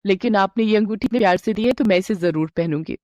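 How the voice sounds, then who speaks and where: A woman voicing a curious, excitable young daughter-in-law who asks eager questions in a raised voice. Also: mid-range voice, fast talker, no room sound, clean studio sound, lightly acted. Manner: wide-eyed, eager, questioning.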